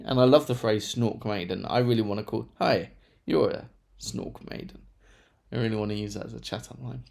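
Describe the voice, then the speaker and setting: A man's voice: on the high side, creaky. A man chatting casually through a monthly book review, rambling with self-deprecating asides. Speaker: book vlogger.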